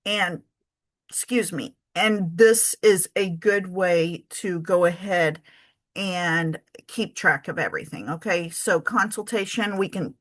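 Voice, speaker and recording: A woman speaks slowly in a voice on the low side. Hiccups interrupt her as she gives a casual screen-share tutorial on a spreadsheet for her travel business, chatty and thinking out loud with frequent ums and self-corrections.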